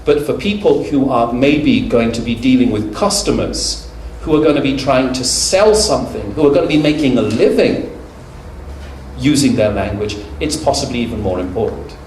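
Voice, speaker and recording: This middle-aged speaker from the UK has a mid-range, darkish voice and talks at a moderate pace. Lecturing at a conference, he keeps things chatty and funny, leaning on anecdotes and fillers. Captured in a reverberant hall from a distant mic, the audio carries a little faint noise.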